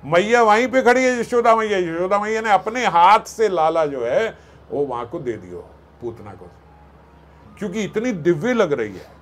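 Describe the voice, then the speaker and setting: Male katha preacher, slightly high, lively and playful storyteller. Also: normal speed. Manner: animated, acts out voices and jokes with the audience. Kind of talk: devotional katha sermon.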